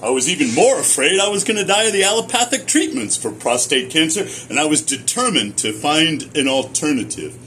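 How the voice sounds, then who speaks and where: A middle-aged American man giving a personal testimonial in a deliberate, emphatic storytelling manner with short repeated phrases. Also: on the high side, animated, fairly bright tone, slight background noise. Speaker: speaker sharing personal experience, former academic researcher.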